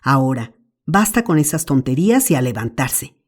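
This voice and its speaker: A woman's voice: rumbling low, sing-song, moderate pace, exaggerated voice. A woman voicing an elderly aunt who scolds and fusses over a boy, in an audiobook. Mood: scolding. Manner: scolding, flustered. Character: fussing elderly aunt, loving but stern.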